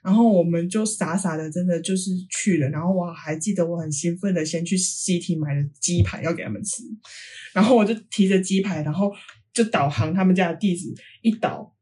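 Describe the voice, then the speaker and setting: Animated woman storyteller. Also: fairly low pitch, fairly quick. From Taiwan. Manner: animated, acts out quoted dialogue. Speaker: podcast co-host. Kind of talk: casual storytelling chat.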